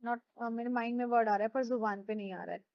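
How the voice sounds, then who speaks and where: A woman's voice: a little high, steady tone, fast talker, highs cut off. A woman who speaks Hindi as her first language, teaching a classroom lecture and often quizzing her students with repeated questions.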